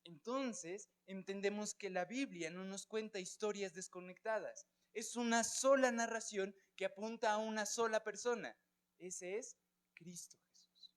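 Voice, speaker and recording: A man with a Colombian Spanish accent leads a Bible class, his voice pitched high for a man. He keeps asking his students questions and checks that they are following along. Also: moderate pace, hardly any pauses, clean tone. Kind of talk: church Bible class teaching.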